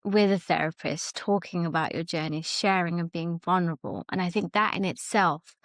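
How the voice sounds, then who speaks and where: A woman with a slightly low voice hosting a podcast interview, full of praise and encouragement for her guest. Her voice is dry and close-miked. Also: no echo. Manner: warm, encouraging, effusive. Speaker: podcast host.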